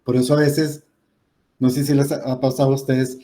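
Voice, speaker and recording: A man's voice: mid-range voice, level tone, a little fast, mellow. A man teaching a grammar lesson, explaining patiently and often checking in with "¿verdad?". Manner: patient, explanatory, many "este" fillers and rhetorical "¿verdad?".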